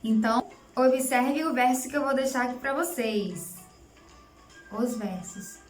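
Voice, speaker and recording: A woman's voice: sits high, measured pace. A young woman teacher giving an online writing lesson, explaining patiently step by step and often checking in with her students. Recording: echoey room with faint music.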